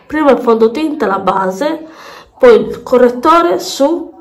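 A woman with a fairly high voice speaks through a pinched, stuffed-up nose, clearly congested with a cold. She chats casually as a beauty vlogger, rambling along and often doubling back on her words. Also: expressive, slow. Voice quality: nasal, pinched blocked-nose voice. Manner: rambling, repeats words and phrases. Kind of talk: casual chatty makeup vlog. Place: bathroom at home.

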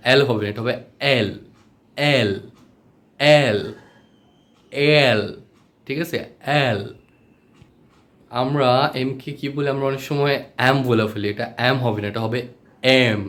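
A man whose first language is Bengali, teaching English letter sounds in a slow spoken lesson, repeating each sound patiently. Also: medium pitch.

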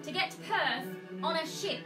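A woman playing Tinkerbell, a bubbly, excitable fairy leading a children's story time and movement session. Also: very high voice, moderate pace, echoey room, loud music behind the voice. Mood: cheerful. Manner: bubbly, exclaiming, sing-song. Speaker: children's party entertainer.

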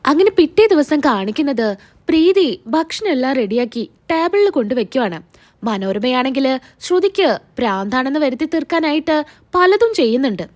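Woman narrator, casual serial plot recap, high voice, chatty storytelling. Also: very animated, normal speed, darkish tone.

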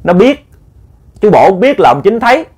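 A man narrates a ghost story in casual, chatty speech. He stumbles and repeats words as he goes. His voice sits a little higher than most men's. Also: very animated, darkish tone, breathy edge. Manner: repetitive, halting, chatty.

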